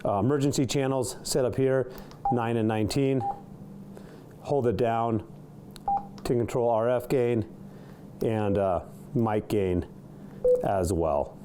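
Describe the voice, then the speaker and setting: With a mid-range voice, this man talks slowly and pauses often over background noise. He's a product reviewer showing off a CB radio in an indoor studio, unscripted and casual, slightly hesitant as he goes through its features.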